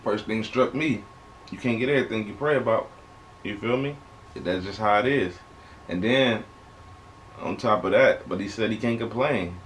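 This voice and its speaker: Young American male reaction host, lowish pitch, slangy and conversational, emphatic repeats, noisy home webcam sound. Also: normal speed, pauses often. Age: young adult. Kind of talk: casual reaction commentary. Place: small bedroom indoors. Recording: clear background noise, home webcam recording.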